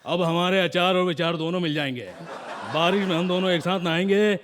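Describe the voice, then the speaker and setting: A man's voice: sits high, brisk, fairly bright tone. A male comedian playing a cheeky suitor who flirts in rhymes in a comedy sketch. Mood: flirty. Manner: rhyming, flirty. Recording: studio audience laughter and noise.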